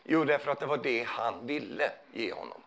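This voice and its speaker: A man's voice: mid-range voice, expressive, vocal fry, a bit bright. A man preaching a sermon in a conversational way, often putting questions to his listeners.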